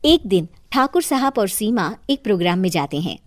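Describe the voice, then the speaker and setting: A woman's voice: medium pitch, very animated, a little fast, dry recording, clean studio sound. A woman narrating a scripted moral story as storyteller.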